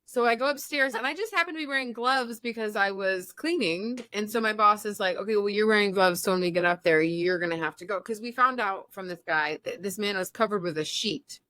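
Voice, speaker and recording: A woman's voice: mid-range voice, brisk, hardly any pauses, no room sound. A woman in her thirties co-hosting a podcast, telling a long story in casual chat and acting out the people in it. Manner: animated storyteller, acts out quotes. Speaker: podcast co-host.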